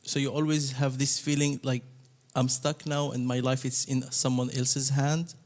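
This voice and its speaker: A man's voice: medium pitch, flat delivery, normal speed, a little mellow. A man speaking earnestly on a panel, with slightly broken phrasing. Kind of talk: panel discussion.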